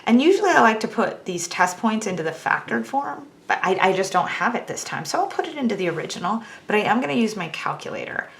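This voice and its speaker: A woman's voice: mid-range voice, big pitch swings, fast talker, creaky, hardly any pauses. A woman teaching a math lesson, talking through each step on a calculator in a chatty, self-teasing way.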